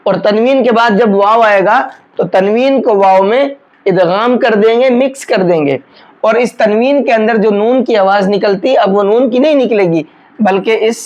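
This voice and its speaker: Patient teacher chanting slow recitation. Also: medium pitch, dull audio. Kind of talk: tajweed lesson, explaining rules between slow recited words.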